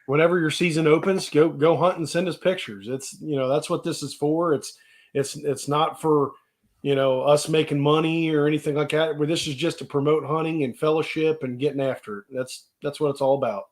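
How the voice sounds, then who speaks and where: A man's voice: fairly high pitch, fairly even intonation, brisk. Easygoing man co-hosting a chat. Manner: easygoing and plain-spoken, with many "you know" fillers. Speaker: co-host. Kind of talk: casual live chat.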